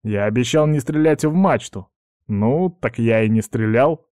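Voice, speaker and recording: A man's voice: medium pitch, unhurried, warm tone, clear, resonant tone, dry recording, clean studio sound, lightly acted. Brash storybook pirate, read by the male narrator; commanding, a little raised. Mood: cocky. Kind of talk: audiobook reading.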